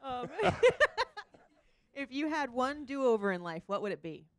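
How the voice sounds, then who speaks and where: Giggly woman co-host, a bit high-pitched, dry studio mic. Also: big pitch swings, no room sound. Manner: giggly, brisk. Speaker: radio co-host. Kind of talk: quick-fire interview questions.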